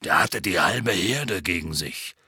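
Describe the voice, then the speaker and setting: A man voicing a huge, gruff half-giant groundskeeper with a slow, raspy, folksy way of talking. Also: deep voice, animated, bright, forceful tone, dry recording, clean studio sound, voice pushed down, exaggerated voice. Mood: grim gruff. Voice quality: gravelly, raspy.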